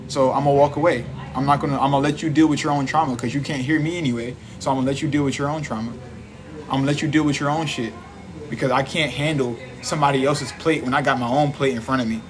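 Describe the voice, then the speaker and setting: A man giving a casual, preachy livestream monologue, repeating himself and laughing often. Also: a little high. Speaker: livestream host. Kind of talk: casual live-stream monologue.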